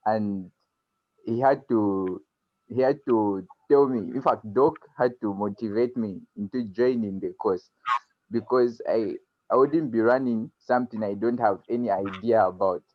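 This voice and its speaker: A nineteen-year-old man from Zambia, speaking haltingly and earnestly as a student guest on a video call. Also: lowish voice, no echo. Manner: halting, earnest, many restarts. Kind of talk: video call introduction and talk. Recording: dry, dull lo-fi call audio.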